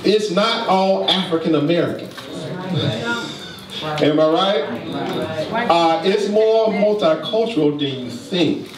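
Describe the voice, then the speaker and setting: A man's voice: high-pitched, crowd noise. A man pastor giving a church leadership talk, urging the congregation to answer back in a preacherly way. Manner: preacherly, slow emphatic asides, prompts the congregation. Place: church sanctuary. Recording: echoey church room, distant mic, noisy.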